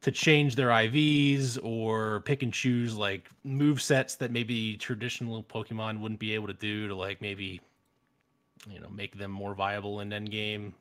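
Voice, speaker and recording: Brief: thirties male host, low-pitched, blunt opinions, rambling casual gaming talk. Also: fairly even intonation, measured pace, fairly bright tone. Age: 30s. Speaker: podcast host.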